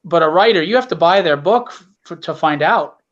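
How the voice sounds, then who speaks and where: Earnest and opinionated, this man appears as a guest comic writer on a podcast, speaking casually and bluntly with some salty language. He sounds animated, with a fairly high, fairly bright voice at normal speed, heard through dull, lo-fi online call audio.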